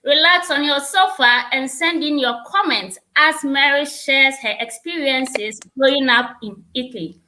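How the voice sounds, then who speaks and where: A woman's voice: sits high, measured pace, hardly any pauses, low-quality recording. A woman hosting an interview series over a video call, upbeat and eager. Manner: upbeat, eager, with warm laughter. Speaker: host.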